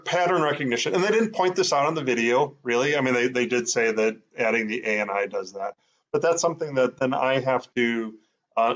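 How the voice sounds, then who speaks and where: Guy explaining a lesson casually, lots of uhs, mid pitch, kinda muffled audio. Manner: thinking aloud, many fillers, sounding out words. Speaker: teacher.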